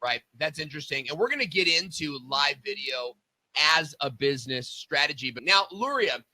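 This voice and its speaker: A man's voice: on the high side, lively intonation, normal speed, sharp tone, dry recording. A man hosting a casual business talk show, chatting in a friendly, conversational way with fillers. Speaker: show host.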